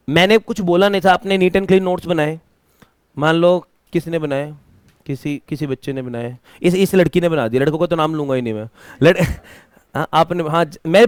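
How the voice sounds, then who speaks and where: A man's voice: on the high side, no echo, studio quality. A man teaching a classroom lecture, asking students questions and mixing English terms into his talk. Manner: mixes Hindi with English terms.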